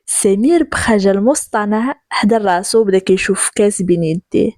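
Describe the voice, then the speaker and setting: A woman with a Moroccan accent narrating a first-person story in a lively way, switching voices for the characters. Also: medium pitch, normal speed, no room sound, clean studio sound.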